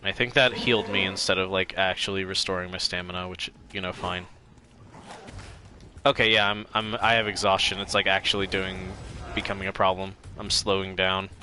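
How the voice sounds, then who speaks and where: A man gives casual gameplay commentary in a fairly low but bright, forward voice. His nose sounds stuffed up, and he talks in offhand, muttered reactions. There is noticeable noise behind him. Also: level tone, moderate pace. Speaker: gamer commentating on own play.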